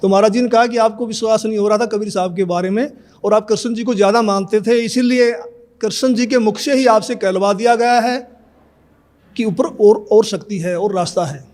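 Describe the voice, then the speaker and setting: A man's voice: high voice, fairly even intonation, brisk, a little mellow. A man in his fifties giving an earnest personal testimony in an interview, telling his story and acting out remembered conversations. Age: 50s.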